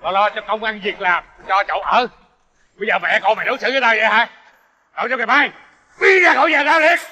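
An actor playing a drunk, violent middle-aged uncle who shouts threats. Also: male voice, sits high, moderate pace, big-room sound, a little hiss or hum. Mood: furious.

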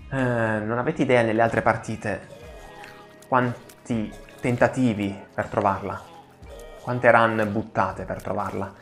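An excitable man talks over his own gameplay, taking his time between remarks and dropping into pleading and curses whenever the fight turns bad. His voice sits at an ordinary pitch for a man. Faint game music plays behind him. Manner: excitable, swearing, pleading with enemies. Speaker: gaming channel host. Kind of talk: let's play commentary.

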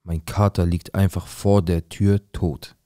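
A man's voice: deep voice, flat delivery, a little slow, warm tone, dry recording, clean studio sound. A man playing a paranoid young dealer. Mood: tense. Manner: coarse slangy swearing. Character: paranoid young male drug dealer, rough-talking. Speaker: narrator of his own story. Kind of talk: dramatic first-person monologue.

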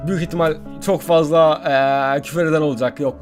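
A young man doing live gameplay commentary as a gaming YouTuber, excitable and swinging from muttering to frustrated outbursts. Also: a little high, fairly quick, soft background music.

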